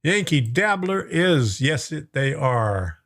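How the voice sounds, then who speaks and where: Speaking slowly but with great animation, a Florida-based host of a model-train live stream chats casually through viewer comments. His fairly high, somewhat bright voice is tiring, yet he stays folksy, chuckling and calling viewers by name.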